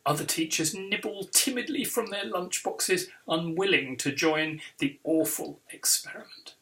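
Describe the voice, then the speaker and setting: A man, the author, reading aloud from his children's book with expressive storytelling. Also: a little high, measured pace, vocal fry. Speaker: author and illustrator.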